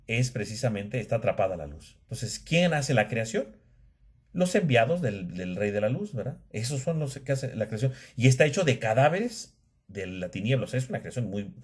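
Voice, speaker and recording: A man's voice: on the low side, a little mellow, husky. A man giving a casual classroom lecture, often checking in with his listeners and restarting sentences. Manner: conversational, tag questions, frequent restarts. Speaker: theology lecturer.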